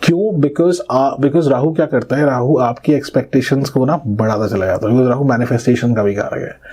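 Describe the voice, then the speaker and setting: A man's voice: mid-range voice, brisk, mellow, breathy edge. A man, an astrologer guest on a podcast, explaining in a didactic way with examples and frequent checks that the listener follows.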